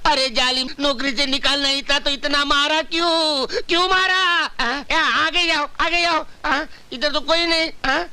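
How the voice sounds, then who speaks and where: A bumbling comic servant with a very high, piercing voice. He whines and pleads his way through every scene. The sound is 1990s Bollywood film comedy. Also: fairly even intonation, unhurried, hardly any pauses, sharp tone, no echo, heavily acted. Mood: wailing. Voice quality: whining, pleading. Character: cowardly bumbling male servant, whiny.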